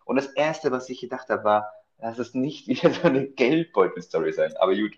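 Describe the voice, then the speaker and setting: A man's voice: medium pitch, sing-song, a little fast. Joking podcast man, dull recording. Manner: joking, hesitant with many fillers. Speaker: podcast co-host. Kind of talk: casual podcast chat.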